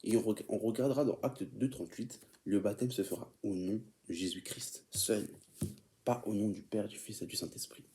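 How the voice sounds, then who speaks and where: A man's voice: lowish voice, steady tone, normal speed, dark tone, a little hiss or hum. A man preaching an informal teaching sermon, often stumbling and repeating words as he reads definitions aloud and calls his listeners beloved.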